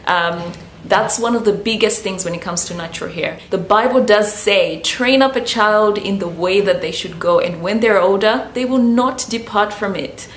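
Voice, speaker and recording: With a medium pitch and moderate pace, barely pausing, a Zambian woman shares casual hair-care advice to camera as a natural hair vlogger, loosely and chattily, saying "you know" often. A little hiss or hum is present, and the echoey room carries faint ambience.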